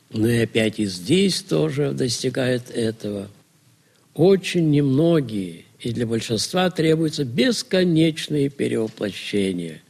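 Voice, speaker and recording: A man's voice: mid-range voice, creaky, darkish tone, slightly rough. A man lecturing to students on religion, asking rhetorical questions and answering them himself.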